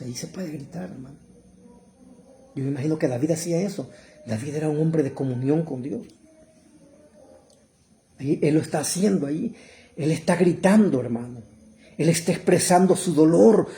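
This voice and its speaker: A middle-aged man preaches with fervor, often calling out to his brothers and sisters. His voice sits a little high yet sounds very dark and mellow. Now and then he swells into loud, pleading cries. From El Salvador. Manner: fervent, addresses listeners as brother, rises to loud cries when quoting. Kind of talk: sermon.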